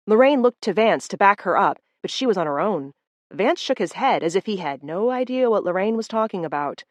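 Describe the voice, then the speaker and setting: A woman narrating a first-person audiobook in a steady, expressive storytelling voice. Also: mid-range voice, dry recording.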